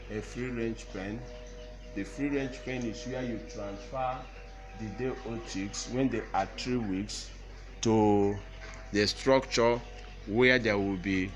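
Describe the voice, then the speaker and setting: A young man teaching on site in a poultry shed, explaining step by step, filmed by a camera a few metres away. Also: on the low side. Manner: slow, deliberate, explaining step by step. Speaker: poultry farm instructor. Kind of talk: on-site instructional walkthrough. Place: large poultry shed with tin roof, indoors. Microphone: camera mic, filmed from a few metres. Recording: echoey shed with farm noise. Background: birds and farm ambience.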